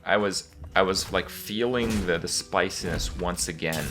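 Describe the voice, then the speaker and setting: A man hosting a gaming video, giving casual commentary looking back, rambling and halting with pauses and repeats. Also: sits low, music in the background.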